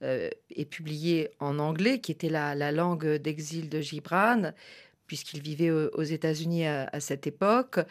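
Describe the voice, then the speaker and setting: Measured woman radio host, low voice. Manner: measured, articulate questioning. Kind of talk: radio interview.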